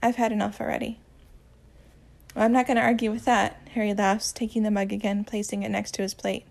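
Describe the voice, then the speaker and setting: A woman reads a romance story aloud in a gentle, even manner and shifts her voice a little for each character's lines. Her voice sits at a middle pitch and has a gravelly, creaky edge. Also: fairly quick. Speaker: audiobook narrator.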